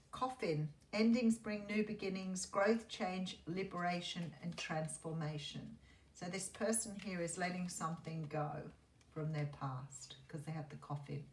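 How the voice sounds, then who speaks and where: A woman with a fairly low voice delivers a mystical horoscope reading over tarot cards. She muses intuitively and pauses between thoughts. The recording is noticeably roomy, with a faint noise underneath. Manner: intuitive, musing, pausing as cards are turned. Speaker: tarot reader.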